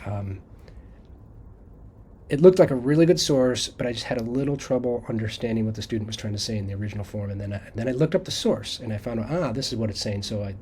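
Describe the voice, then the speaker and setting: A man's voice: mid-range voice, a little mellow, slight background noise. A man teaching college students how to quote sources, talking conversationally and checking in often with "okay?". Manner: thinks aloud with fillers and restarts. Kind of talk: casual screen-share lecture.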